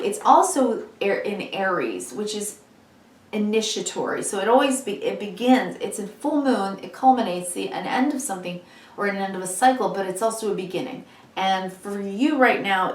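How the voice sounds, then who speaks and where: Doing her weekly tarot reading to camera, a woman talks in a chatty, encouraging manner and says "you know" often. Her voice is mid-range and darkish, a bit hoarse as she's losing it. The recording is distant from the mic, in a room with echo.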